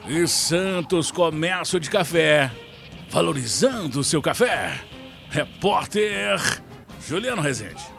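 A Brazilian man reads a scripted radio crime bulletin in a fairly high voice. His intonation is very lively, and faint music runs behind him. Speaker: radio police-news reporter.

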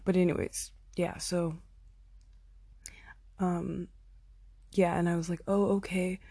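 A woman's voice: lowish voice, flat delivery, takes it slowly, creaky, dark tone, breathy edge, dry recording. A young woman telling a long concert story into her phone, chatty and full of "like" and "oh my God", acting out what people said. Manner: chatty, lots of "like" and "oh my God", acts out quotes. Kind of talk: casual storytelling.

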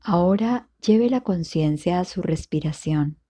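Low, mellow, slow woman guiding meditation. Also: breathy edge. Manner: calm, soothing, measured. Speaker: meditation instructor. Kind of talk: guided meditation, slow instructions with long pauses.

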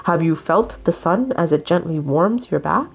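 A woman's voice: lowish voice, expressive, normal speed, creaky, breathy edge, full character voice. A woman voicing a pompous, wise old male walrus who speaks in a grand, flowery way. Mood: lofty.

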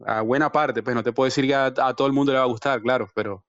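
A man's voice: medium pitch, fairly even intonation, rapid-fire, fairly bright tone, no echo. A Venezuelan man in his thirties answers interview questions over a muffled, lo-fi call line. The sound is dry and close, with no room around it. He talks earnestly and hesitantly, often repeating a word before he goes on. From Venezuela, Zulia. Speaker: interview guest. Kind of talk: casual remote interview. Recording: dry, dull lo-fi call audio.

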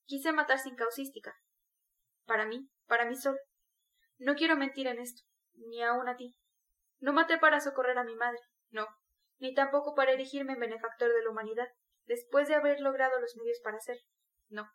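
A woman's voice: high voice, steady tone, fairly quick, fairly bright tone. A woman reading the part of a brooding, tormented young male student in an intense, bitter confession.

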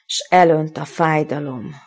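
A woman author reading her own literary prose aloud in a slow, measured, grave manner. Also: sits low, fairly even intonation, noisy background.

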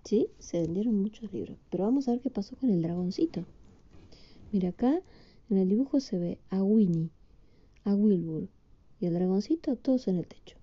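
A woman reads a picture book to a child, pausing to quiz them patiently. Her voice is very dark and mellow at an ordinary pitch. The recording is slightly dull and lo-fi. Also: lively intonation. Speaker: storyteller reading to a child. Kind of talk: picture book read aloud.

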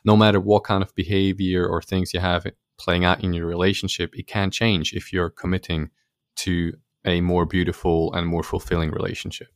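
Man, very deep voice, earnest, explanatory, dry close sound. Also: level tone, moderate pace, no room sound. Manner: earnest, explanatory, laughs easily. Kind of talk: conversational interview answer.

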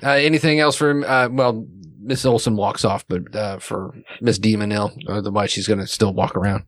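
A man's voice: fairly low pitch, fairly even intonation, normal speed, no echo. A man running a tabletop game as game master, narrating with many fillers and putting on voices for the characters.

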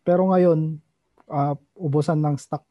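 A man's voice: on the high side, steady tone, unhurried, dry recording, lo-fi sound. A man from the Philippines adding brief, agreeing remarks in a casual podcast chat.

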